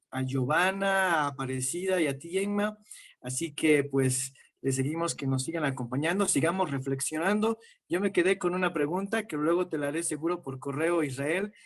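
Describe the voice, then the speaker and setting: Man, panel moderator, formal closing remarks, somewhat high voice, hesitant fillers, video call. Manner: measured, many filler pauses.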